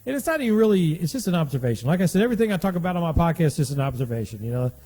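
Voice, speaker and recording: A man's voice: a little high, big pitch swings, racing, warm tone, long reverb tail. A man in his late fifties hosting a casual monologue podcast, rambling and repeating himself in a folksy way. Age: 50s. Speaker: podcast host.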